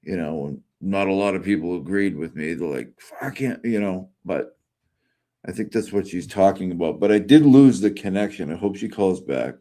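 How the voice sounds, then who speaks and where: Low, mellow-voiced male streamer. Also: lively intonation, normal speed. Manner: rambling, profane, many fillers. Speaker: streamer host reacting to a live audio room. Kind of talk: casual live-stream commentary.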